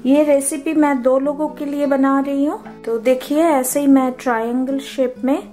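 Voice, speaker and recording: Her high, slightly mellow voice guides viewers through a recipe one step at a time. She's an Indian-accented home cook running her own channel, and her plain teaching style moves between Hindi and English.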